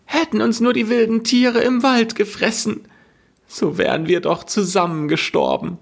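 A man's voice: fairly high pitch, sing-song, measured pace, pitched above the performer's own voice. A man voicing a young girl in a storybook reading, frightened but brave. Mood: desperate.

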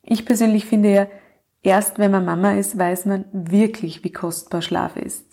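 A woman hosting a podcast with calm, measured scripted narration, addressing the listener directly. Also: medium pitch, gravelly, husky. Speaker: podcast host, coach for mothers.

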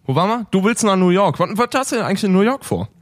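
A young man co-hosting a casual chat podcast, bantering and teasing with quick interjections. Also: high-pitched, big pitch swings. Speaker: podcast co-host.

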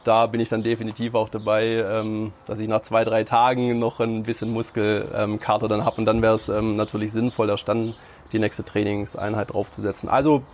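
A man explaining training ideas in casual podcast talk, halting with frequent fillers. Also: lowish voice, flat delivery, slight background noise. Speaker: podcast guest.

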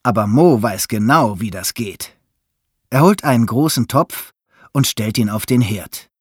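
A man reading a children's story aloud in a lively, expressive way. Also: medium pitch, measured pace, slightly rough, no echo, studio quality. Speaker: narrator.

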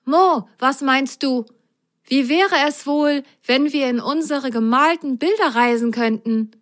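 A woman's voice: sits high, a little slow, pitched above the performer's own voice. A woman voicing an eager, adventurous boy sock who talks enthusiastically in a children's story. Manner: bright, enthusiastic, bubbly.

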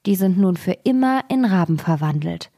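Lady reading as a stern old crone, solemn, lowish warm voice. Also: animated, normal speed. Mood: grave.

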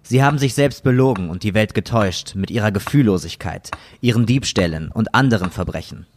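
A man voicing a cold, sinister male game master villain with solemn, measured pronouncements. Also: lowish voice, lively intonation. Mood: menacing. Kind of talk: scripted villain narration.

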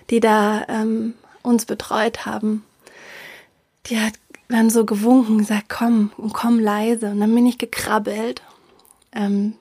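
A middle-aged woman with a fairly high voice tells a personal story with feeling. She speaks haltingly, restarting sentences and often sinking into a whisper to stress a point. The recording is dry and close, with no room sound. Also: creaky, a little mellow, no echo. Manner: emotional, often drops to a whisper for emphasis; halting, with many fillers and restarts.

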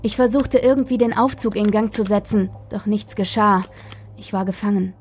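A woman's voice: mid-range voice, normal speed, darkish tone, slight background noise. Woman reading a tense horror story. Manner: tense, dramatic first-person reading. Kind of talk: scripted horror story narration.

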